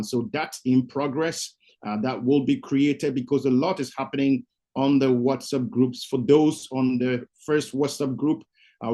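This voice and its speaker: A man's voice: medium pitch, mellow. A man hosting an online information session, giving upbeat, repetitive updates and urging listeners as leaders over a video call. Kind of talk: motivational presentation to an online audience.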